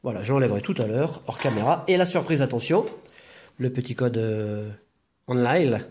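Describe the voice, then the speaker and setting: A man's voice: medium pitch, lively intonation, normal speed, darkish tone. A man hosting a casual unboxing video, talking to viewers in a chatty, rambling way with jokey asides. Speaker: video host opening trading-card boxes.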